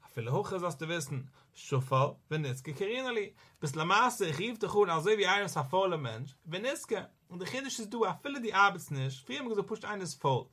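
A man's voice: sits high, very animated, a little fast, hardly any pauses, fairly bright tone, husky. A man giving a Torah lesson in a sing-song study cadence, quoting verses as he goes. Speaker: religious teacher.

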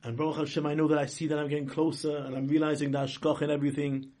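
Guy rabbi giving an informal sermon, kinda high voice, stops and restarts, stresses words hard. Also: little pitch movement, very fast, darkish tone. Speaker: rabbi giving a religious talk. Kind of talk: informal sermon, inspirational religious lesson.

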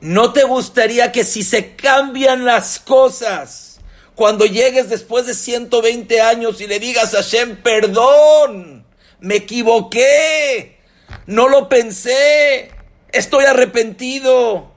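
A man voicing gentle male rabbinic sages who coax a woman toward forgiveness, with emphasis. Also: fairly low pitch, flat delivery, slow, pauses often. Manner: coaxing, emphatic.

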